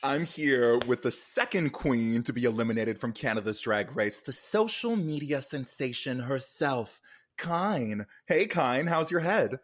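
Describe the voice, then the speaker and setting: A man's voice: medium pitch, lively intonation, unhurried. A man hosting a conversational recap interview in an effusive, campy manner full of endearments. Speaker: podcast interviewer and host.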